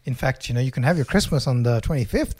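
A man's voice: medium pitch, lively intonation, fast talker, a little mellow. A man co-hosting a podcast, talking casually and with easygoing good humour. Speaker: podcast co-host. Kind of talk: casual conversational money tips.

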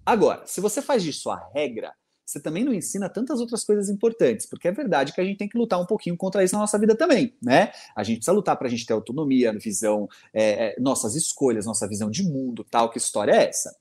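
A man, co-hosting a podcast and giving parenting advice in a casual, animated way, often acting out the voices in his stories. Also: high voice, husky. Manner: animated, acts out quoted voices in anecdotes.

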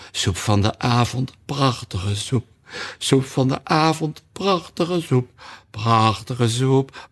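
A man voicing a melancholy mock turtle who sings a slow, mournful song in a storybook reading. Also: mid-range voice. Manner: slow mournful singing, drawn out.

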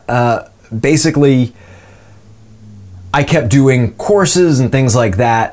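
A voice actor in his twenties, appearing as an interview guest, has a low, darkish, polished voice that sounds like an announcer's. He tells stories casually and pokes fun at himself.

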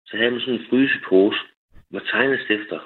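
A man's voice: mid-range voice, slightly rough. Joking male caller on a tinny phone line. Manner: rambling, joking, laughs at own ideas. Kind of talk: casual radio chat.

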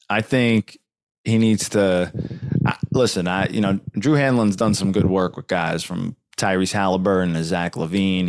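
A man with a somewhat low voice chats casually about basketball. He rambles with plenty of fillers and restarts. The sound is dry and close to the mic. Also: clear, resonant tone, no room sound. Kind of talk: casual sports talk.

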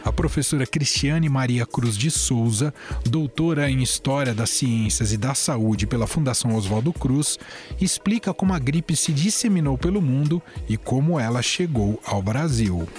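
A man reading a news report in a steady, measured way. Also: medium pitch. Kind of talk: scripted news narration. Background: faint music bed.

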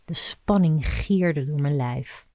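Low dark-voiced woman reading an erotic story. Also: dry recording. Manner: intimate, measured storytelling. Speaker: narrator.

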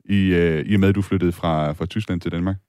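A man's voice: low voice, steady tone, a little mellow, clear, resonant tone, no echo, clean studio sound. A man hosting a podcast, asking his guests curious questions. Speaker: podcast host. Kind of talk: interviewing guests.

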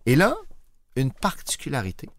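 A man's voice: mid-range voice, moderate pace, vocal fry. A man with a Québécois accent, hosting a playful educational chat, explaining memory tricks with jokes and wordplay. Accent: Québécois French. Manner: animated, jokey, explains with wordplay. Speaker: host teaching mnemonics.

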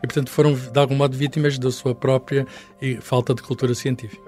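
An older man with a European Portuguese accent explains science in a relaxed chat, pausing and restarting often. His pitch sits mid-range, and faint music plays underneath. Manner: hesitant, many restarts and fillers, chuckles often. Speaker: science professor guest.

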